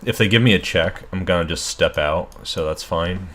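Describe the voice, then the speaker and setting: A man's voice: low-pitched, moderate pace, a bit bright. A man thinking aloud through a chess game as a streamer, muttering asides while losing his voice. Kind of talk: casual live game commentary.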